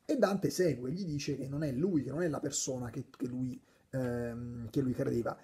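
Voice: mid-range voice, moderate pace, mellow. A speaker casually explaining a poem, thinking aloud with frequent restarts and now and then reciting verses. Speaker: literature explainer.

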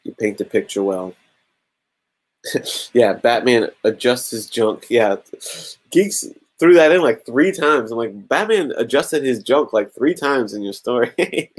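A man in his thirties runs a casual comic-collecting livestream raffle from a small room at home, chatting and counting entries aloud into a webcam mic for his YouTube channel. His medium-pitched voice is animated but a little slow, with long pauses.

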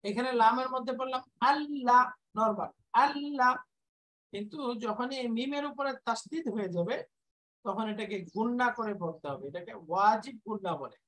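A woman teaching Quran recitation, repeating each word slowly and patiently so students can copy it. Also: on the high side, fairly bright tone, rough recording. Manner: patient, explanatory. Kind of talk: recitation drill lesson.

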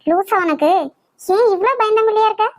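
A woman doing a scolding college girl, high voice. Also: brisk, no echo, low-quality recording. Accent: Kanyakumari Tamil. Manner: scolding, incredulous. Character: bossy young college girl, scolding friend.

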